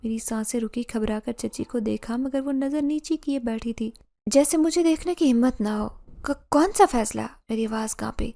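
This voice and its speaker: A woman narrates a first-person horror story with emotional, dramatic delivery. Her voice is mellow and warm, pitched a little high. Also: creaky.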